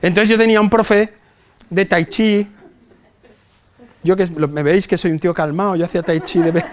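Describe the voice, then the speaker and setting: A man's voice: high-pitched, steady tone, moderate pace. A middle-aged man, a psychologist, giving a chatty, humorous talk to a live audience, telling stories, swearing casually and checking the crowd follows. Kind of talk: humorous conference talk to nurses. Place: hospital hall with a live audience.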